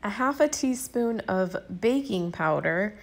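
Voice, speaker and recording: A woman's voice: mid-range voice, animated, unhurried, creaky. A woman with a Southern US accent, a cooking vlogger, giving a chatty, upbeat voice-over and talking straight to her viewers. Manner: chatty, upbeat, addresses viewers as "you guys". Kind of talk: casual voice-over narration.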